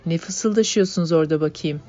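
A woman's voice: sits low, brisk, mellow, natural voice. A woman voicing an earnest young male labor organizer who talks in a direct way. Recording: dull lo-fi audiobook, faint music.

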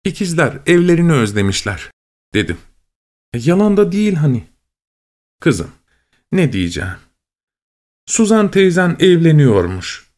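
A man's voice: a little high, big pitch swings, unhurried, pauses often, a little mellow, pitched above the performer's own voice. A man doing a chatty gossiping mother. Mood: gossipy.

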